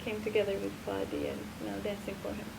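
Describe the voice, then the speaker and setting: A woman answers interview questions in a soft-spoken way, with hesitant fillers. Her voice has a gravelly, creaky edge. Clear background noise runs under the recording. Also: mid-range voice, completely flat delivery, fast. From Turkey. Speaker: dancer. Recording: noisy recording.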